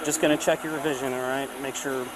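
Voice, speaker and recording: A man's voice: mid-range voice, little pitch movement, a little fast. A male police officer heard as body cam audio at a roadside stop, giving procedural questions and instructions and often checking that he is understood. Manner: procedural, checks understanding with "okay?" and "all right?". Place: outdoors at a roadside traffic stop. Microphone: body-worn camera. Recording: noisy body camera audio, outdoor vehicle hum.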